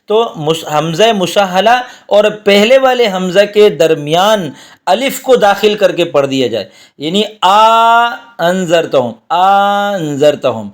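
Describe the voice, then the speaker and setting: A patient teacher of Quranic commentary with a fairly high male voice gives an explanatory lesson, simplifying and repeating his points.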